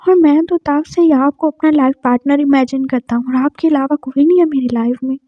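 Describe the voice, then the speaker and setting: A woman voicing a timid, tearful young man who pleads softly and anxiously. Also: sits high, fairly quick, no echo, dull audio, natural voice. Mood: pleading.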